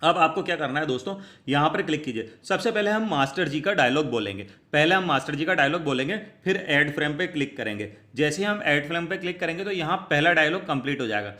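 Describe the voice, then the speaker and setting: A man's voice: a little high, lively intonation, fast, few pauses, pushed and bright. A man hosting a screen-recorded app tutorial, talking with earphones in and explaining each step to viewers. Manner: explanatory, addresses viewers as friends. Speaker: tutorial host.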